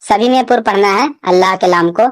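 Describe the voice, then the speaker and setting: A woman teaching Quran reading, reciting words slowly and drawn out, with quick explanations between them. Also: medium pitch, dry recording.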